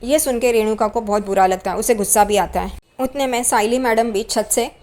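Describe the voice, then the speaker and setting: A woman's voice: a little high, fairly quick, a little mellow. A woman casually retelling a TV serial episode in chatty storytelling, acting out the characters' lines. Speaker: TV serial recap narrator.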